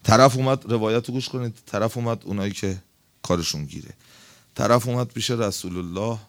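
Impassioned male preacher telling a story. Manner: swings between loud high emphasis and low asides. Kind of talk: religious sermon to a gathering.

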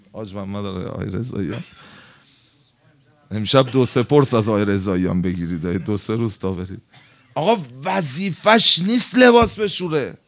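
Before a gathering, a man preaches a sermon, telling a story in a colloquial, impassioned style. He swings between loud, high-pitched emphasis and quiet asides.

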